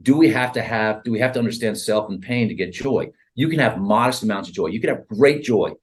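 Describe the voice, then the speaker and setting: A man with a lowish voice speaks in an interview about his therapy work. He talks with animated energy and acts out both sides of his conversations with clients. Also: a little fast. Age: 30s. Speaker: therapist and author.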